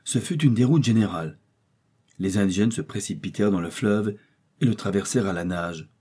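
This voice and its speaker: A man reading a classic adventure novel aloud as audiobook narrator, in measured storytelling. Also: fairly low pitch, dark tone, breathy edge. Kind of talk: scripted narration.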